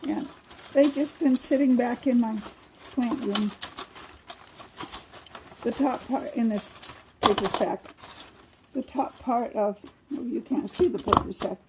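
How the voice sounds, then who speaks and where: A woman's voice: fairly high pitch, takes it slowly, pauses often, very noisy. A woman chatting casually in a home vlog while sorting dried seed pods indoors, rambling and correcting herself as she goes. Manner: rambling, homey, self-correcting. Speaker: home gardening vlogger. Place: indoor plant room with newspaper on carpet. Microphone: camera mic set up nearby.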